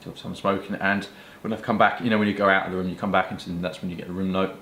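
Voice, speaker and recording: A British man with a low, fairly bright voice fires off his words rapidly with little pitch movement. He's a pipe-smoking vlogger rambling casually to camera about pipes and tobacco, using colloquial talk and mild swearing. The sound is roomy and echoey, with faint background noise.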